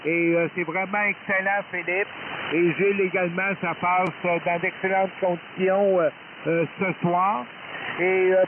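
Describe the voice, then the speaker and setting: Over a noisy, narrowband shortwave transmission, a high-voiced man speaks into a radio transceiver mic. As a ham operator making contact in an unscripted exchange, he sounds polite and unsure, frequently backtracking over what he's said.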